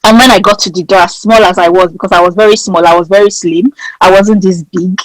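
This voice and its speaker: A woman's voice: fairly low pitch, fairly quick, noisy background. A woman in her thirties with a Nigerian accent, telling a story as an interview guest in a bold, dramatic way. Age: 30s. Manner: lively and dramatic, acting out the people in her story; bold and emphatic. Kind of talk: animated storytelling.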